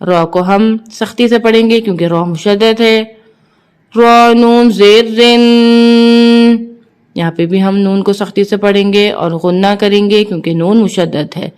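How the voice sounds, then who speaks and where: A woman teaching Quran reading, slowly spelling out Arabic syllables and then quickly explaining the rules. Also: medium pitch, steady tone. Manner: slow deliberate recitation alternating with quick, quieter explanations.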